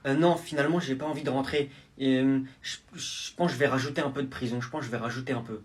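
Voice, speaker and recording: Brief: a man in a sketch, hesitant and sheepish, mid pitch. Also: steady tone, fast, background noise. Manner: hesitant, apologetic. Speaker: sketch actor. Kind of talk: comedy sketch acting.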